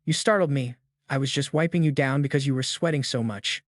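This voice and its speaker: A man voicing a gentle, caring young woman attendant in a soft, reassuring way. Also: mid-range voice, fairly quick, no echo, studio quality, lightly acted.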